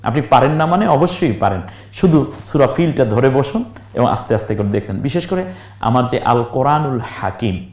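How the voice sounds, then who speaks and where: A man's voice: medium pitch, expressive, a little mellow, roomy sound. A man teaching how to read aloud, spelling words out syllable by syllable and asking viewers questions. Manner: slow syllable-by-syllable drilling, asks viewers questions. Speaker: Quran reading teacher. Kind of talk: recorded lesson, spelling and chanting words.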